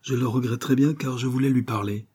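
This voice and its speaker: A man voicing a keen, confident male detective who reasons briskly, lifting his voice above his narration. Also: mid-range voice, fairly even intonation, mellow, husky, pitched above the performer's own voice, lightly acted. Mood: assured. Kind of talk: audiobook character reading.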